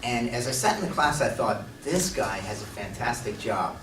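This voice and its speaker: A man's voice: mid-range voice, moderate pace. A man on a conference panel speaking earnestly and enthusiastically about hypnosis training. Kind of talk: panel talk. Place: conference hall. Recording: echoey hall, distant mic, background noise.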